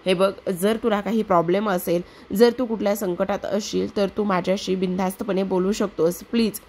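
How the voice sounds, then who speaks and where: A woman reading out the lines of a caring, patient young sister-in-law who coaxes and pleads gently, in a TV serial recap. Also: mid-range voice, fairly even intonation, normal speed, lightly acted. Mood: coaxing. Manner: coaxing, pleading.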